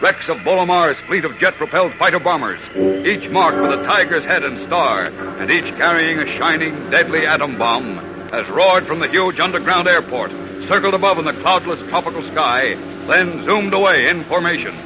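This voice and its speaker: An actor narrating a 1940s radio adventure serial in an urgent, declamatory style. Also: male voice, fairly high pitch, animated, moderate pace, close to an everyday voice. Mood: urgent, dramatic. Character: dramatic adventure-serial announcer. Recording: muffled old radio, loud music behind.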